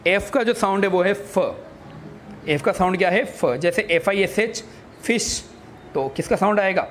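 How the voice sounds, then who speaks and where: High-voiced man teaching letter sounds. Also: normal speed, a bit bright, a little hiss or hum. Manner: spells words letter by letter, asks and answers his own questions; addresses listeners as children. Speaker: English teacher. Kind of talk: classroom phonics lesson.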